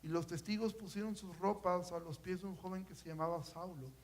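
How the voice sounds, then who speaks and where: A man preaching a sermon, swinging from hushed, low passages to loud, climbing ones and pressing the listeners with rhetorical questions. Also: fairly even intonation, a little fast, rough recording.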